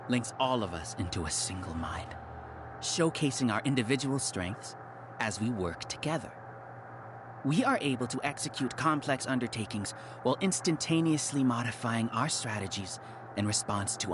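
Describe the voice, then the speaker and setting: An actor playing an arrogant villain researcher who leads a hive mind, giving grandiose, condescending monologues in a video game. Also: male voice, medium pitch, noisy background, natural voice.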